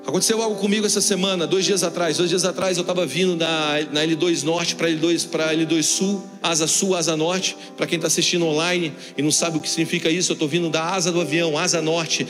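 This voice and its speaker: A Brazilian man with a fairly high voice, preaching in a large hall with a long echo. Soft instrumental music plays behind him as he tells a story and acts out each speaker's lines. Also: fairly quick, hardly any pauses. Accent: Brazilian Portuguese. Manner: animated storyteller, acts out dialogue. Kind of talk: sermon storytelling.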